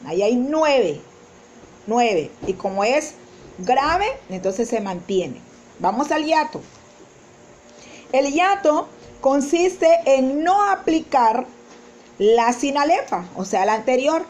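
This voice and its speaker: A woman teacher explaining poetic meter in a spoken lesson, slowly sounding out example lines syllable by syllable. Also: high-pitched, darkish tone.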